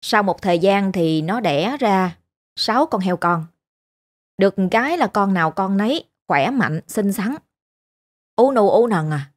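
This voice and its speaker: A woman with a Southern Vietnamese accent telling a story in a chatty, animated way. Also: mid-range voice, measured pace. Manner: chatty, animated, imitates pig squeals. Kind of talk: casual storytelling narration.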